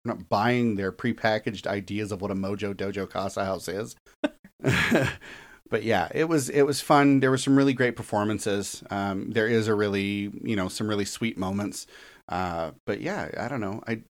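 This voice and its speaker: A man with a fairly low voice hosts a podcast in loose, casual chat. He swears freely and laughs easily as he talks through a movie. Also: normal speed. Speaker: podcast host.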